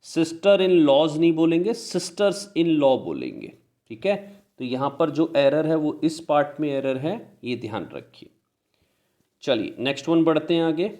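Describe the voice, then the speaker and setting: A man with an Indian English accent teaches a grammar lesson, explaining in Hindi, reading example sentences slowly and answering his own questions. His voice is a little high, sing-song and slightly mellow.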